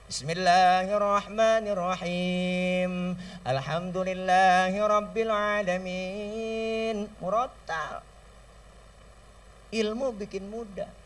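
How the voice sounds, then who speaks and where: A man with a Betawi accent giving a comic sermon from a stage, telling stories lively and mimicking sounds and voices. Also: sits high, brisk, few pauses, distant mic. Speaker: preacher. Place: stage at an outdoor school celebration. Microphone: stage microphone through a sound system.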